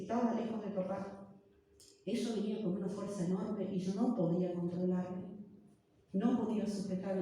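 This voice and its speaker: A woman's voice: medium pitch, dark tone, slight background noise. A middle-aged woman pastor preaching fervently, giving personal testimony with many rhetorical questions and repetitions. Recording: very echoey church hall, distant mic.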